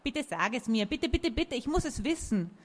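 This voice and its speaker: A woman voicing a skinny, sulky male fool who protests in a high, agitated voice. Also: normal speed. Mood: pleading. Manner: whiny and defiant, high and excited.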